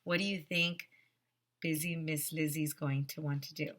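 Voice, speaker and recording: This teacher's voice sits low, with fairly even intonation, a moderate pace, and a fairly bright tone. She reads a picture book to young children in an animated style, using heavy emphasis, asides, and direct questions to her audience.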